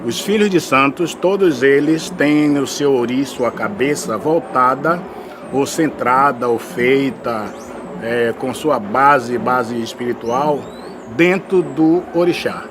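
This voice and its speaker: A man speaking in an interview, explaining his subject in a measured way. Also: medium pitch, noisy background.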